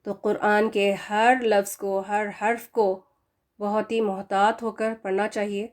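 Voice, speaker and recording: A woman teaching a recorded Quran recitation lesson who slows down to model correct and wrong pronunciations, with earnest, admonishing asides. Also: medium pitch, level tone. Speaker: tajweed teacher.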